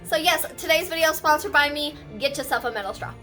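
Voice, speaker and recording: Woman, bright forceful voice, hyped giveaway-style delivery, sassy, chatty vlog host, music behind. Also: sits high, quick pace. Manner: playful, sassy, rambling. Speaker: host of a personal video channel. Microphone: on camera with ring light.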